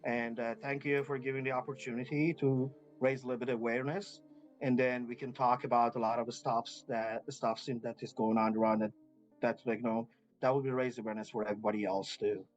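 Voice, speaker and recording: A man's voice: medium pitch, flat delivery, fast, soft background music. A man from Iran, a guest talking earnestly and hesitantly in an interview. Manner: earnest, hesitant, many fillers and restarts. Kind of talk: interview conversation.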